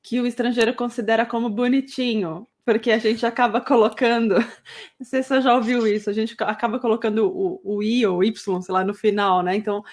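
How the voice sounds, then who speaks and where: A woman from Brazil hosting a casual interview, asking questions and swooping up when excited. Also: fairly high pitch, fairly quick. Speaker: host.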